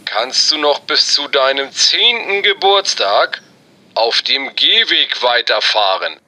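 A man plays a helpful police officer uncle in a children's audio play, heard on speakerphone. His voice is very sharp and dry, with lively swings as he haltingly explains. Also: medium pitch, no room sound, full character voice. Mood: explaining. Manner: hesitant, explanatory. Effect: speakerphone call.

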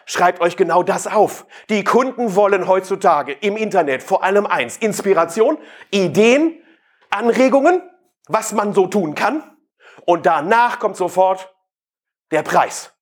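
High-voiced man, husky, provocative speaker. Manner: provocative, asks the audience questions. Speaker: sales speaker. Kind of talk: live keynote talk to an audience.

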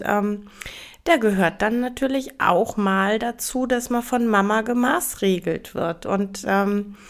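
Woman podcast host, gravelly voice, slow unhurried delivery, gentle and reassuring, lots of hesitations. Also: mid-range voice. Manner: hesitant, many filler sounds, gentle and reassuring. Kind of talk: casual explanatory podcast monologue.

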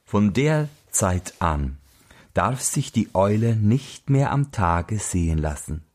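A man reading a fairy tale aloud in an expressive, unhurried storytelling manner. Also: fairly low pitch. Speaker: narrator.

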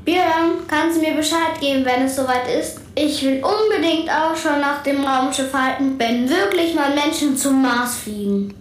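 A woman voicing a touchy, curious, childlike little planet as an expressive, naive space correspondent on children's radio. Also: sits high, normal speed, few pauses, slight background noise, close to an everyday voice. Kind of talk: children's radio character dialogue. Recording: roomy echo, music behind.

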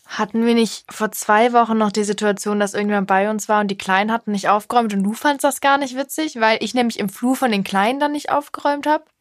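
Woman arguing back at her mom, talks a lot, fairly high voice, dry close mic. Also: quick pace, few pauses, no room sound. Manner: defensive and talkative, many restarts. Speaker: daughter and podcast co-host. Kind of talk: casual family chat.

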